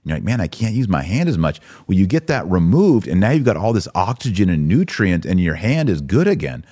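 Brisk and very animated, a low, warm, husky male voice carries an American live-stream. The host, a podcaster and religious commentator, replies to comments with opinion and conversational ease while posing rhetorical questions.

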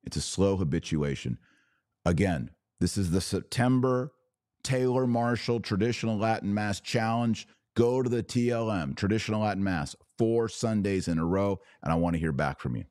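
A man hosts a religious podcast, speaking directly to his viewers with earnest, emphatic, preacherly conviction as he offers live commentary, exhortation, and prayer. His voice is on the low side and a little mellow at a moderate pace, recorded dry with clean studio sound.

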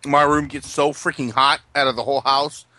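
A man's voice: mid-range voice, fairly even intonation, brisk, pushed and bright, no echo. A man co-hosting a podcast in casual, blunt chat from a hot bedroom with a fan running. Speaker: podcast co-host. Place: hot bedroom at home, remote recording.

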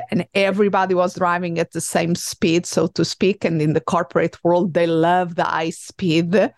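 Portuguese-accented woman host, low voice. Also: darkish tone, no echo, studio quality. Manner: hesitant, many fillers and restarts. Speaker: podcast host. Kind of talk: conversational interview.

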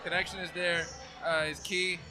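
A man's voice: high-pitched, flat delivery, moderate pace, loud music behind the voice, a loud crowd. A man hosting a podcast live at an event, upbeat and full of playful interjections. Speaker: host. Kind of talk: casual chat.

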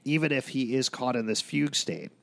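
A man's voice: medium pitch, fairly quick, creaky, no room sound. A man hosting a casual podcast chat about a TV show, recapping the plot and joking around. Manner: leads the talk, recaps plot, jokes around. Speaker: podcast host.

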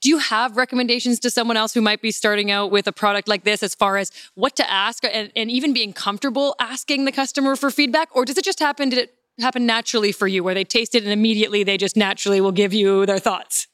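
A woman interviewer who talks quickly and strings her questions into long runs. Her voice is smooth and clear. The sound is dry and close. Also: a little high, a bit bright, dry recording. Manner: fast-talking, long run-on questions. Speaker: interviewer host. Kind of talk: casual interview.

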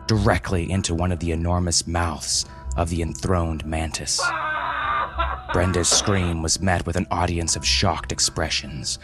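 Deep-voiced male storyteller. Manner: dramatic, measured reading. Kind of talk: scripted storybook narration.

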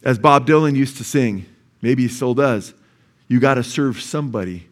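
In a church sanctuary, a male pastor with a Californian accent preaches to his congregation, patiently explaining word meanings before building to emphatic peaks and calling for amens. He speaks at normal speed in a medium-pitched voice.

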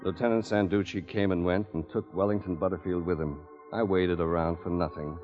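A man's voice: low voice, steady tone, a little fast, lightly acted. An actor playing a tough male private detective who narrates in a clipped, terse, hard-boiled manner, in 1940s radio acting style. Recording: dull old radio recording with music.

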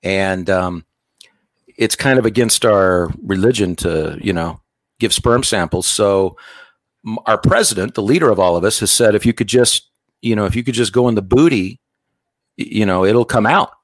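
A man's voice: on the low side, moderate pace, no room sound. A middle-aged man telling a long comic story on stage, acting out the other people's lines. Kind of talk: stand-up storytelling.

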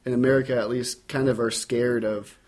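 A man interviewing a pastor, speaking casually with frequent affirmations and quick questions. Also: mid-range voice, little pitch movement, a little mellow. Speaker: podcast interviewer. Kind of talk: interview conversation.

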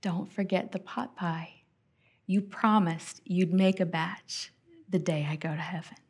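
A woman voicing her frail ninety-six-year-old grandmother in a hushed near-whisper. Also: on the low side, fairly even intonation, a little slow, husky. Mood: tender.

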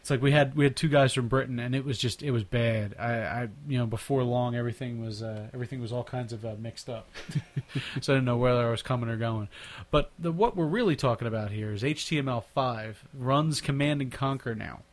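A man with a medium-pitched voice hosts a casual podcast, speaking a little fast as he rambles, laughs often, and keeps stumbling and repeating words. He's a natural mimic who slips into other people's accents.

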